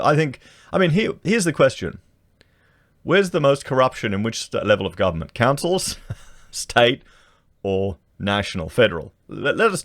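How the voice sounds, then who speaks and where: An Australian vlogger with a lowish voice reads news items aloud, breaking into indignant commentary full of slang and rhetorical questions. It's studio quality on a podcast microphone, with no room sound.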